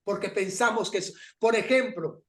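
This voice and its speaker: High-voiced, animated man teaching a Bible class. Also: normal speed, reverberant. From Paraguay. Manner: storytelling, animated, laughs often. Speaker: pastor teaching an online class. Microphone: video call.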